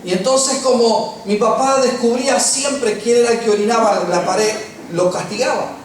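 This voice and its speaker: A middle-aged man with an Argentine accent preaching a sermon, telling personal stories with humor and slowing down for emphasis. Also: extremely high pitch. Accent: Argentine Spanish. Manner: humorous storytelling, slows for emphasis. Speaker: pastor. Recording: echoey room, distant mic, faint noise.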